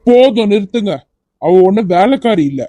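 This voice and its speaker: A man's voice: high-pitched, animated, normal speed, mellow, no room sound. A man voicing a protective young hero in a cartoon, teasing and firm in turn. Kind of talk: cartoon voice acting.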